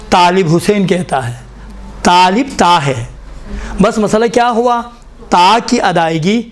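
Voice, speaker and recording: High-voiced man teaching recitation sounds. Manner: repeats sounds slowly to demonstrate, asks students to listen. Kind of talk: classroom lesson on pronunciation.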